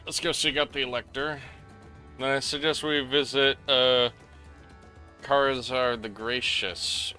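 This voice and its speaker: A man with a low, very sharp and tense voice reads game dialogue aloud on a live stream, stumbling over odd names and cursing at them. Quiet game music plays behind him. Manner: reads story text aloud, stumbling over names, swearing between lines.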